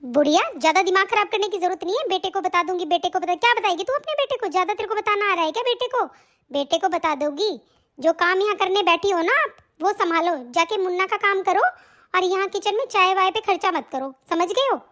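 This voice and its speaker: Woman acting out a mean bahu, scolds sharp and fast, very high pitched, always nagging about money. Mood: angry. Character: bossy, stingy young daughter-in-law. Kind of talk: comedy sketch acting.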